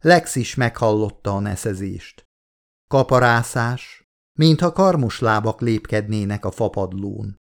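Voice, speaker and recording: A man narrating an audiobook in a measured, steady way. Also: fairly low pitch, vocal fry. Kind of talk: scripted narration.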